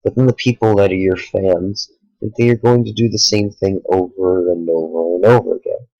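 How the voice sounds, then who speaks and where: A tired young man talking earnestly to the camera late at night, a small YouTuber speaking in halting sentences with sighs. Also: deep voice, fairly even intonation, dark tone, no room sound, dull audio. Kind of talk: sincere direct-to-camera talk.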